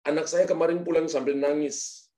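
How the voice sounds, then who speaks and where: A man's voice: on the high side, steady tone, brisk, warm tone, natural voice. A pastor voicing an indignant father who lectures his son and challenges the teacher, in a sermon story.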